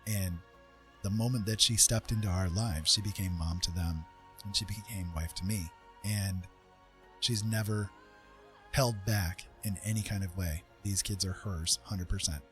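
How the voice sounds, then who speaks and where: With faint music in the background, a middle-aged livestream host chats in a deep, steady, unhurried voice. His casual personal talk comes across as earnest and reflective, with hesitations as he thinks aloud.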